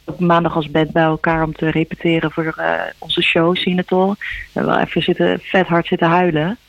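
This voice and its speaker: A woman, a musician guest, talking earnestly and reflectively in halting phrases, heard over a phone line in a radio interview. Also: on the low side, level tone, dry recording. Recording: dull dry phone line.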